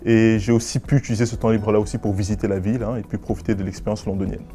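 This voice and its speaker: A nineteen-year-old man from West and Central Africa, a business school student giving formal, measured and articulate interview answers. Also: fairly low pitch, flat delivery, over music. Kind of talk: prepared interview answers to camera.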